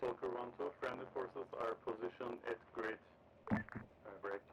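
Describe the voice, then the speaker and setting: A man's voice: medium pitch, level tone, normal speed, vocal fry, background noise. A man talking over a walkie-talkie radio as a forward air controller, in clipped radio procedure, reading out grid numbers.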